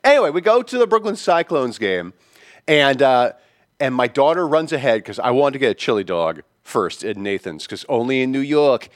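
A man co-hosting a podcast, telling a story loudly with lots of swearing and shouted bits; he says he is deaf. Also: medium pitch, very animated, normal speed, dry recording, studio quality. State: hard of hearing. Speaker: podcast co-host. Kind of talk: casual chat.

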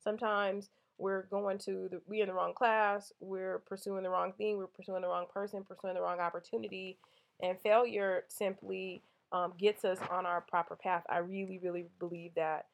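A woman's voice: mid-range voice, little pitch movement, moderate pace, gravelly. Female podcast host, motivational monologue, candid storyteller with casual fillers. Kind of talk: motivational talk.

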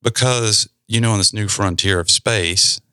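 Deep-voiced man explaining things casually. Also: measured pace, dry recording, studio quality. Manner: relaxed, conversational, explains with asides. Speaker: podcast host.

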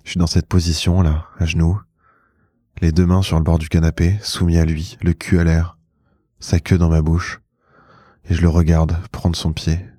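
A man narrating an intimate first-person story slowly and in a hushed, measured way, close to the mic. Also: sits low, level tone, no room sound. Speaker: podcast host and narrator.

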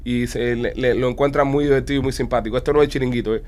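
Guy hosting a chatty comedy show, talks fast, teasing and joking. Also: medium pitch, fairly even intonation, darkish tone. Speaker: show host. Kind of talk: casual banter.

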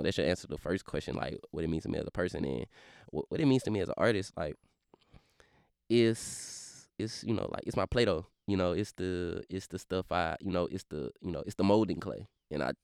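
Low, gravelly man with a Louisiana accent, fast slurred drawl, smooth, dry, full of fillers. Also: darkish tone, dry recording. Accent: Baton Rouge, Louisiana. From Baton Rouge, Louisiana. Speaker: rapper, interview guest. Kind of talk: casual interview talk.

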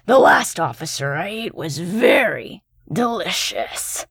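A woman voicing a giggly, cackling male monster who hunts people on a road, taunting slowly. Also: on the low side, animated, fairly bright tone, breathy edge, dry recording, clean studio sound, exaggerated voice. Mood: mocking. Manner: slow, gloating drawl with giggles.

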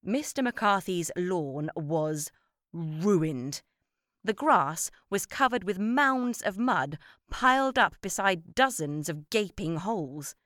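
A woman narrating a children's story with an expressive read-aloud manner. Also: fairly low pitch, takes it slowly, no room sound, studio quality. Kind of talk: storybook reading.

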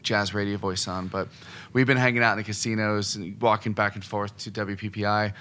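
Male podcast host, slightly low voice with a bright edge, hoarse, easygoing and joking. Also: flat delivery, fairly quick. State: hoarse from smoky air. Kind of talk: casual podcast conversation.

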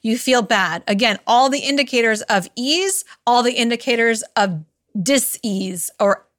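A woman's voice: fairly high pitch, a little slow, a bit bright, dry recording, clean studio sound. A woman hosting a solo podcast, talking casually and with emphasis, acting out quoted asides as she goes. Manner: chatty and emphatic, mimics voices in quoted asides. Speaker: podcast host and business coach.

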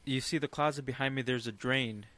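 A man on a video call explaining slowly and hesitantly, with many fillers. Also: medium pitch, fairly even intonation, crowd noise. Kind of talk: casual chat. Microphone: laptop mic on a video call.

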